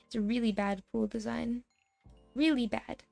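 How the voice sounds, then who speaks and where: A young American woman streaming a casual chat, telling stories in a lively way, laughing often and swearing freely. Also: on the high side, normal speed, vocal fry, no room sound, soft background music. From United States.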